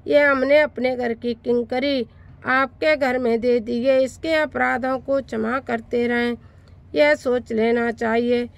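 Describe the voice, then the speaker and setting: A woman's voice: a little high, steady tone, creaky. A woman reciting devotional verses in song and explaining them in speech. She gives moral advice to families between the verses. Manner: chants verses slowly, then explains in brisk plain speech. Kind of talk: sung scripture recitation with spoken commentary.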